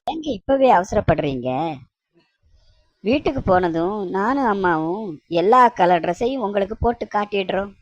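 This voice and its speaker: A woman's voice: mid-range voice, animated, normal speed, no room sound, lo-fi sound, close to an everyday voice. Woman voicing a sugary young wife. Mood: wheedling. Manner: wheedling, sugary. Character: sweet-talking young wife. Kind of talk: cartoon voice acting.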